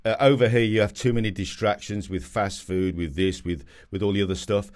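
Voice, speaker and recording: An older man hosting a casual interview, asking long, rambling questions and telling animated stories, into a studio mic in an indoor home gym. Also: fairly low pitch, a little fast. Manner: chatty, animated storytelling questions. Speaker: podcast host, gym owner. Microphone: studio condenser mic with headphones.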